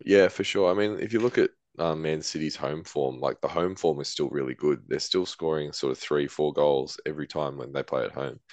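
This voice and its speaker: A man with a very deep voice chatting casually on a sports podcast. He talks in a loose, relaxed way, full of fillers. The sound is dry and close. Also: a little fast, hardly any pauses, dry recording. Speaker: podcast co-host. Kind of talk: casual chat.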